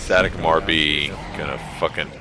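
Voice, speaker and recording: A man's voice: rumbling low, fairly even intonation, normal speed, crowd noise. A blunt, sweary man giving casual co-commentary on a video game. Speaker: esports co-commentator.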